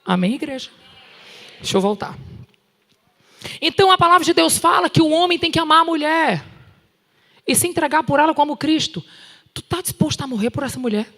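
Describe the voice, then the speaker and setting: A Brazilian woman preaches with a high voice and a long hall reverb around her. She talks to the crowd directly, scolding with a humorous edge. Her delivery is animated and emphatic. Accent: Brazilian Portuguese. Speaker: conference preacher. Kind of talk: sermon. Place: large church hall.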